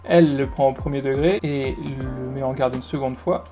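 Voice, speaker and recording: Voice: mid-range voice, steady tone, normal speed, music in the background. A teacher patiently explaining English phrases in French, step by step, often repeating key words.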